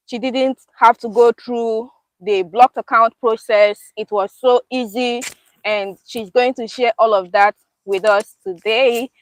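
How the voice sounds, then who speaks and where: A woman's voice: on the high side, fairly even intonation, unhurried, no room sound, poor audio. A young woman hosting a casual live-stream chat in a park, upbeat and laughing often. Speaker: YouTube host. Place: outdoors in a park.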